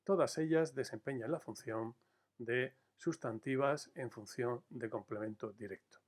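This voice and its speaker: A man teaching a recorded grammar lesson, explaining in a measured way, slowing to stress key words and addressing his students directly. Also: mid-range voice.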